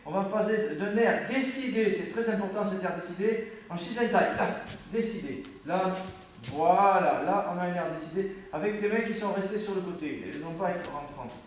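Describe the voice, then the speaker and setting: This judo instructor speaks with a French accent at a moderate pace, his voice sitting high, as he corrects a student on the dojo mat indoors. He repeats himself and breaks off mid-phrase, while a camera across the very echoey room picks him up from far off, with a little hiss or hum.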